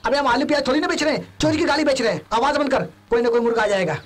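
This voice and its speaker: A fast-talking, mocking comic sidekick. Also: male voice, very high voice, background noise. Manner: rapid, insulting banter. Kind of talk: Hindi film comedy dub.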